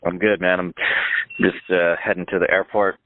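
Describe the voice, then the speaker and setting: A man's voice: low-pitched, flat delivery, moderate pace, noisy background. A man in his fifties from Northern California, a guest musician chatting in a casual, rambling way, full of "like" and restarts. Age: 50s. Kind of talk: casual phone interview. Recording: tinny phone line.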